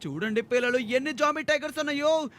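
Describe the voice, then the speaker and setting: A man giving theatrical, excitable commentary on a game video aimed at children. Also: very high voice, fast talker. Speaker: gaming video narrator.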